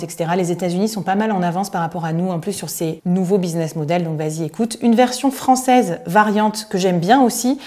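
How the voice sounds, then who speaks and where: Mellow-voiced woman podcast host. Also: medium pitch. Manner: upbeat, chatty, addresses the listener directly. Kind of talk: solo podcast recommendations.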